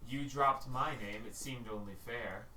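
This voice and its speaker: Unearthly taunter, unseen male performer: drawn-out, mock-courteous, tabletop game villain, echoey room. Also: medium pitch, sharp tone. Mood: smug. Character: unseen echoing taunting being, smooth and mock-polite. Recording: roomy, distant mic, faint noise.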